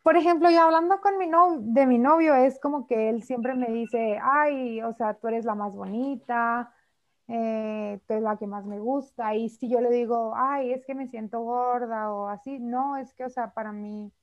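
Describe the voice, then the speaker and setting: A chatty woman with a Mexican Spanish accent and a high voice, talking casually and acting out little quoted lines as she goes. The audio sounds slightly dull and lo-fi. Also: a little slow. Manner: chatty, frequent fillers, mimics quoted speech. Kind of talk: casual chat.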